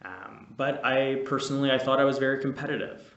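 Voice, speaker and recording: A young Canadian veterinary student vlogs casually to camera, a bit nervous, rambling with many fillers and restarts. His medium-pitched voice is fairly quick, creaky, and fairly bright. The recording is muffled, with an echoey room and distant mic.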